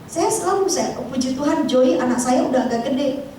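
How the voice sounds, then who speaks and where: High-pitched woman pastor in her 40s, chatty lively sermon, really echoey hall. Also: normal speed, slight background noise. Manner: lively and chatty, often addressing the congregation. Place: church hall. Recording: echoey hall, distant mic.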